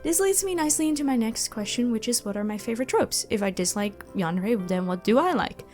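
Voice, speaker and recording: With background music behind her, an audio roleplay creator talks briskly in an animated, high-leaning voice with a darkish tone. She addresses her listeners casually and modestly, like a channel host responding to questions.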